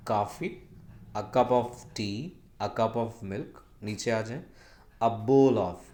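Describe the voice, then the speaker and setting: A man teaching English phrases, speaking slowly and deliberately, repeating phrases and spelling words out letter by letter. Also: medium pitch, a little mellow. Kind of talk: language lesson explaining phrases.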